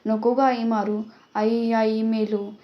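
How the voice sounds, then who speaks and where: A woman's voice: fairly high pitch, flat delivery, slow pace, highs cut off, a little hiss or hum. A woman voicing a frightened, sulky young village boy who pleads and complains, in a storybook reading. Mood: pleading.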